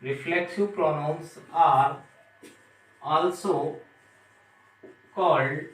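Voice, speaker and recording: A man teaching a grammar lesson, speaking slowly and repeating key terms as he asks the class questions. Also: fairly high pitch, fairly bright tone. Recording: roomy, from some distance.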